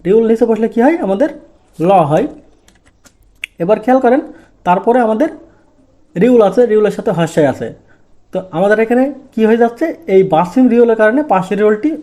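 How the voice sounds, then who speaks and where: Teacher, male, high voice; walks through sounds one by one, quizzing and answering himself. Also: mellow. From Bangladesh. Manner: asks the class questions and answers them himself; drawn-out, deliberate stress on key sounds. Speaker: Korean language teacher. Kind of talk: step-by-step pronunciation lesson.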